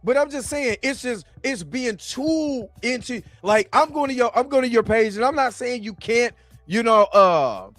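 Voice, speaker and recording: A man with a high voice hosts a loose reaction chat, slangy and exasperated. His delivery is animated and the sound is dry, with a little music underneath. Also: normal speed, no echo. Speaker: host of a comics reaction show.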